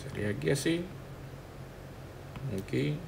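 A man, a tattoo artist calmly talking the viewer through a drawing tutorial step by step. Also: on the high side, a little slow, creaky, background noise. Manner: relaxed, instructive, talks the viewer through each step. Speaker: tattoo artist teaching a digital stencil technique.

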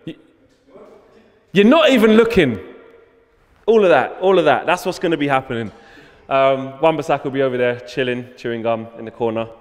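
A man's voice: medium pitch, fast, hardly any pauses, big-room sound. A man, hosting a joking walkthrough of a stadium dressing room, holding a handheld mic. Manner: chatty, joking tour guide. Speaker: fan channel host. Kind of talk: casual walkthrough vlog. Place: empty stadium dressing room and corridor, indoors.

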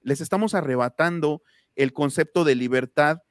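Halting Mexican man, dry close sound. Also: fairly high pitch, no echo. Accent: Mexican Spanish. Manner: halting, many restarts and repeated words. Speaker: political commentator on an online show. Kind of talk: casual panel commentary.

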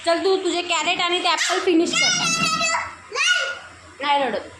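A woman's voice: extremely high pitch, sing-song, moderate pace. A woman, a mother vlogging at home, casually teasing and scolding her small child. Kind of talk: casual family vlog. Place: home indoors. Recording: echoey room, loud background noise.

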